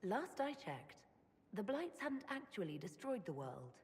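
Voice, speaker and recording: An actress playing a composed, inquisitive leader of a fantasy order in a video game, speaking in a measured, earnest way. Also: female voice, medium pitch, very animated, big-room sound. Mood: calm, probing. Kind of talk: dramatic video game dialogue.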